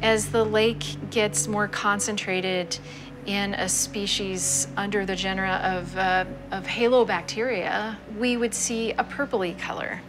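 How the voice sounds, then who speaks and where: A woman with a medium-pitched voice explains her field as a scientist in a documentary interview. She talks off the cuff, with music playing clearly behind her. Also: fairly even intonation, a little slow. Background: music under the voice.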